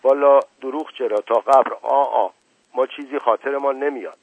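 A rambling, evasive old servant with a husky, raised voice, as a male narrator puts him on, stammering "ah, ah" as he dodges questions. He comes over a tinny, dry, phone-like radio recording. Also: medium pitch, fairly even intonation, no echo, pitched above the performer's own voice. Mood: folksy, evasive. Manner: repeats stammering catchphrase, hesitant "ah, ah". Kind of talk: audiobook reading.

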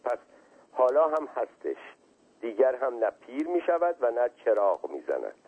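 A man voicing an eager, evasive young male servant in a husky voice, heard as a tinny radio reading. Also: mid-range voice, big pitch swings. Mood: soothing. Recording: tinny phone-like radio sound.

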